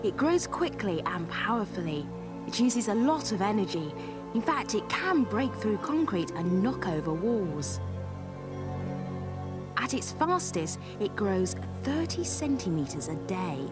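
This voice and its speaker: A woman narrator reading a scripted science programme for children. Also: medium pitch. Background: music.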